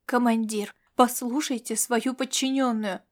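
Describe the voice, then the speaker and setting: A woman's voice: fairly high pitch, steady tone, a little slow, close to an everyday voice. A woman voicing an indignant female station chief who argues with a commander.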